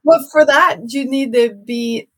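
A woman talks with a slightly husky, breathy tone. Her voice sits a bit high, and she explains things in a calm, measured way, as a guest in a relaxed interview. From Norway. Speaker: guest painter. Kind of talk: casual interview chat.

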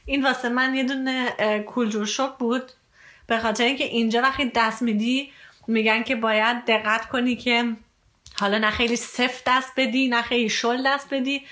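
A woman hosts a casual podcast in a fairly high, bright voice. She talks in a chatty way and leads the exchange, often prompting her partner. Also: fairly even intonation. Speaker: podcast host. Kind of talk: casual co-hosted podcast chat.

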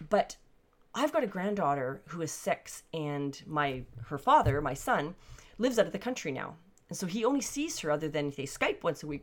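Older woman with a low-pitched voice, candid home vlogger thinking aloud. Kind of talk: personal reflective monologue. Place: basement suite at home.

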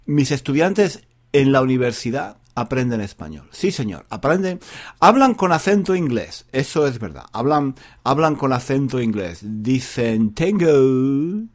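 A man, a university Spanish teacher, talking slowly and repeating each phrase for learners in a playful, joking way. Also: mid-range voice, big pitch swings. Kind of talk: slow, repetitive Spanish practice monologue for learners.

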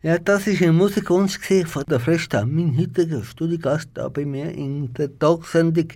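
A man with a Swiss German accent hosts a talk show in a radio studio. His voice sits a little high for a man, and he keeps the conversation moving with quick affirmations. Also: mellow. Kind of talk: radio interview.

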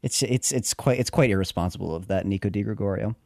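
A man's voice: lowish voice, fast, vocal fry, a little mellow, dry recording, studio quality. A man co-hosting a comedy podcast, easygoing and self-mocking, laughing often as he talks. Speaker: podcast co-host. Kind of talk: casual comedy chat.

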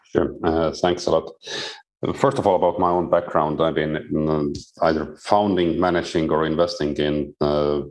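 Very deep-voiced mature man, explaining. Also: flat delivery, normal speed, a little mellow, low-quality recording. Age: middle-aged or older. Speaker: company chief executive, panel guest. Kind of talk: conversational business explanation on a panel.

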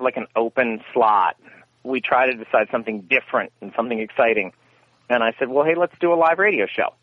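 A radio theater founder, appearing as a guest, answers interview questions by telling rambling stories and correcting himself along the way. His voice is mid-range, and the dry recording sounds like a tinny phone line.

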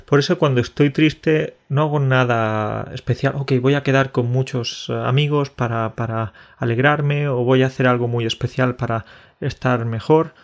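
A man's voice: mid-range voice, fairly even intonation. Reflective man co-hosting. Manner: reflective, measured and clearly spoken. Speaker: podcast co-host. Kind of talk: casual podcast chat.

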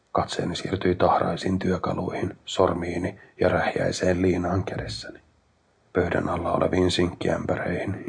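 A man narrating a horror story in a slow, hushed delivery, sometimes nearly whispering. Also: low voice, creaky, husky. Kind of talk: scripted horror audiobook narration.

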